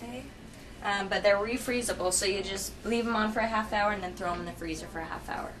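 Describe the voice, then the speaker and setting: A woman explains clinic aftercare in plain, conversational words, step by step. She often checks that she is understood. She is some way from the microphone, in a clearly noisy room. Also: mid-range voice, fast talker, far from the mic. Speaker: dental surgery assistant giving aftercare instructions. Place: indoor clinic treatment room. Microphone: camera held by another person, at a distance.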